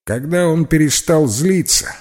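A man's voice: a little high, unhurried, darkish tone, pitched above the performer's own voice, lightly acted. A man doing a whiny red-haired schoolboy. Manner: complaining, theatrical sighs. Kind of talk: storybook character voice.

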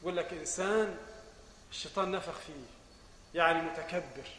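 A man with an Egyptian accent teaching a religious lesson as a sheikh. He asks questions and answers them himself, and builds to loud, emphatic passages. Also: fairly high pitch, steady tone, fairly quick, reverberant, long reverb tail, slight background noise. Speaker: sheikh teaching Islamic jurisprudence.

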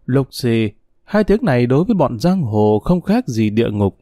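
Male audiobook narrator, warm, expressive, dry close read. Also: mid-range voice, normal speed, no room sound.

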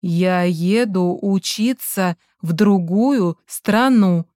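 A cold, arrogant young art student sneers in slow, stretched-out words, put on by a woman narrating. The voice is mellow and dark, recorded close and dry, like an audiobook. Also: mid-range voice, dry recording, close to an everyday voice. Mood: drawling. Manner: contemptuous, slow and drawn-out.

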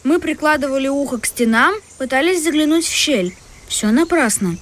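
A woman reading a children's story aloud in the first person, in a lively storytelling manner. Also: high voice, moderate pace. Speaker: audiobook narrator. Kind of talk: scripted first-person narration. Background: music.

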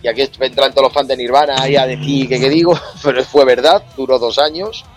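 A man's voice: medium pitch, fairly quick. A man in his forties with a Spain Spanish accent, a singer talking as a podcast guest in a frank, colloquial and jokey way. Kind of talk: casual music chat.

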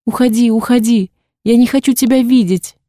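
A woman voicing a grieving, furious young daughter in an audiobook, with shrill, defiant outbursts. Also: level tone, a little fast, vocal fry, dark tone, breathy edge, no echo, studio quality.

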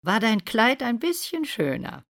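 A woman's voice: a little high, sing-song, unhurried, a bit bright, pitched above the performer's own voice, heavily acted. A woman voicing a young prince in a storybook, speaking earnestly and with emphasis.

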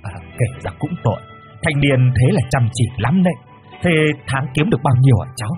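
A man's voice: medium pitch, lively intonation, fairly quick, darkish tone, faint music behind, lightly acted. Give me a man playing a jovial older father. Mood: hearty. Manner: hearty, coaxing.

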